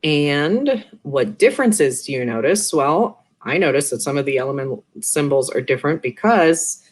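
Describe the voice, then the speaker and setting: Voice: mid-range voice, animated, moderate pace. Casual chemistry teacher recording a video lesson. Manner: casual, with offhand joking asides. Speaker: high school chemistry teacher.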